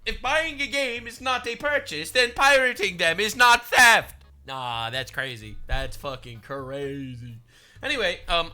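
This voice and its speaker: Animated, blunt commentator man with a bright voice. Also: high-pitched. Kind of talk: reaction commentary.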